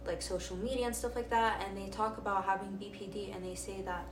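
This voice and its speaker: A woman's voice: medium pitch, fairly even intonation, a little fast. A woman co-hosting a casual podcast chat, rambling with many fillers and reading aloud from her phone. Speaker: podcast co-host. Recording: roomy and distant, noisy.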